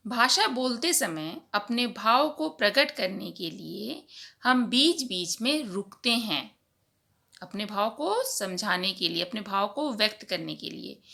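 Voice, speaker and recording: Woman teacher, gravelly bright voice with a lively, swinging pitch, patient grammar lesson for kids. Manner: slow, deliberate teacher talk addressing children. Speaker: primary school teacher.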